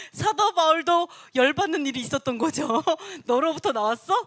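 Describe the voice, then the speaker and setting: A woman leads a church Bible study with a bright, fairly high voice. Her pitch swings widely as she talks. She acts out little quotes and laughs often as she explains. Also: expressive, a little slow.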